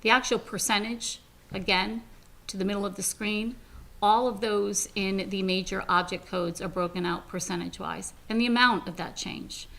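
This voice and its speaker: A woman presenting a school budget at a public hearing, moving briskly from line to line through dollar figures and percentages. Her manner stays businesslike throughout. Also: mid-range voice, steady tone, vocal fry, pushed and bright, poor audio.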